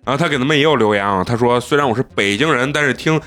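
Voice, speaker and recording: 一位带陕西口音普通话的男播客主持，在轻松闲聊、念听众留言并致谢。. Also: male voice, mid-range voice, very fast, fairly bright tone. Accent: Shaanxi-accented Mandarin. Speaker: podcast host. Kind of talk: casual banter and listener shout-outs.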